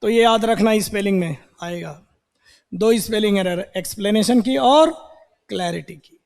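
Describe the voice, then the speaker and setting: A man's voice: sits high, moderate pace, vocal fry, a little mellow, big-room sound. A male teacher giving a classroom grammar lesson. He repeats words in drills and asks and answers his own questions. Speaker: English teacher.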